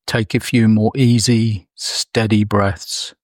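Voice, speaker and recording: A man leading a guided meditation, speaking softly and soothingly with long pauses. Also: lowish voice, little pitch movement, no room sound, studio quality. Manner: slow, soft, soothing delivery with long pauses.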